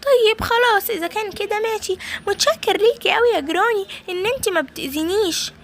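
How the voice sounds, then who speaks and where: A woman's voice: very high voice, fast. A woman with an Egyptian accent voicing a timid possessed little boy in a game video, whiny and fretful as he complains to viewers. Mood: relieved. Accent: Egyptian Arabic. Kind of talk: playful game role-play narration.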